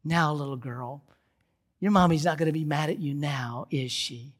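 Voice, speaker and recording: A kindly man coaxes a crying child to calm down, as a preacher voices him. His tone is soothing and reassuring, his voice husky and a touch high. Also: normal speed, close to an everyday voice. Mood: gentle. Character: kindly male social worker, comforting.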